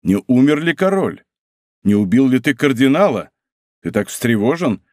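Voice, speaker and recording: A man reading an audiobook, voicing a cool, brooding musketeer who speaks in a low, hollow, measured way. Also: big pitch swings, darkish tone, dry recording, studio quality, lightly acted. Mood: grave. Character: cool, brooding older musketeer, grave and commanding.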